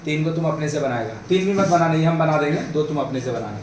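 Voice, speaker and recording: A man's voice: fairly high pitch, lively intonation, fast, darkish tone. A man tutoring math students in a classroom, coaxing them along with questions and calling them babu and bhai. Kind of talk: classroom math lesson in Hindi-English mix. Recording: echoey room, mic far off, faint background noise.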